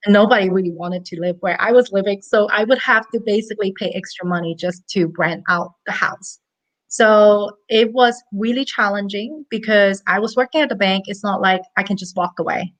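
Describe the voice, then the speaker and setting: Woman in her thirties from Hong Kong, money-coach guest, earnest and chatty, medium pitch. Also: normal speed, fairly bright tone, low-quality recording. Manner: earnest, chatty, with light laughs. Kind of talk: casual interview storytelling.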